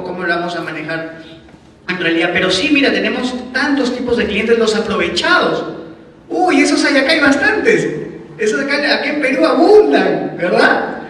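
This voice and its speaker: A man's voice: sits high, pushed and bright, slight background noise. A man teaching a class in a chatty way, often asking his students rhetorical questions. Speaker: instructor. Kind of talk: classroom lecture. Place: lecture room. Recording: echoey hall, mic far off.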